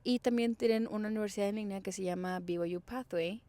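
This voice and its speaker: A woman's voice: medium pitch, fairly even intonation, fast talker, mellow, no room sound. A young woman from Mexico with a Mexican Spanish accent, telling her own story in a chatty, explanatory vlog with casual fillers. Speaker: vlogger.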